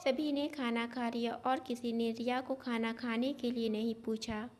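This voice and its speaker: Woman narrator, steady storybook telling, voice sits a bit high. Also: unhurried.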